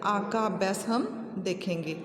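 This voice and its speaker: Slow, patient woman teacher in an echoey room. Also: mid-range voice, a crowd in the background. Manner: slow, patient, repeats each word for children; mixes in English words for each picture. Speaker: primary school teacher. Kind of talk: recorded Hindi lesson for young pupils. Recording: echoey room with long reverb.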